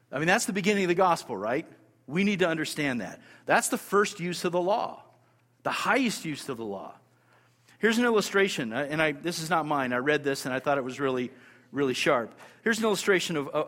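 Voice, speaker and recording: A man delivering a sermon in a church sanctuary, his fairly high voice ringing out with a long reverb. He talks emphatically, repeats his key points and throws rhetorical questions at the congregation. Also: a bit bright. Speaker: pastor.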